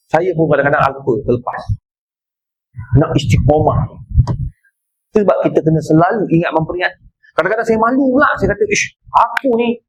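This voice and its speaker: Malaysian preacher, man, middle-aged, mosque talk, husky tone, playful and animated. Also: fairly high pitch, poor audio. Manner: animated, joking storyteller, acts out people. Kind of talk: mosque religious lecture.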